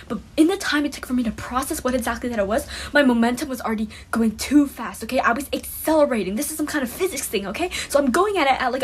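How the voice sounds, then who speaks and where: High-voiced woman spinning a dramatic story. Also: slight background noise. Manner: dramatic, emphatic, keeps asking "okay?". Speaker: streamer telling a story. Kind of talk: animated comic storytelling.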